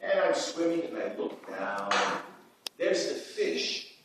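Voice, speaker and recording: A man acting an excitable man telling a rambling story in a stage play rehearsal, recorded from afar in an echoey room. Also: medium pitch, takes it slowly. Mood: animated. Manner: animated, jumpy, emphatic storytelling. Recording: echoey room from far off, background noise.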